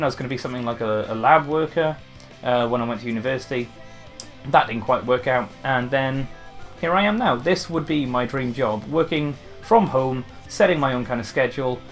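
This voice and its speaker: Answering viewer questions on his gaming channel, a young man from Wales talks casually to the camera in a light Welsh accent and a mid-range voice. He rambles, restarting sentences and leaning on fillers.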